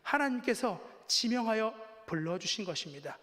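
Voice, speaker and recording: A man's voice: high voice, animated, moderate pace, fairly bright tone. A man preaching a Sunday sermon as a pastor, telling a personal story in a conversational, self-deprecating way. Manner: conversational and self-deprecating, acting out quoted voices. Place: church sanctuary. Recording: long reverb of a church hall.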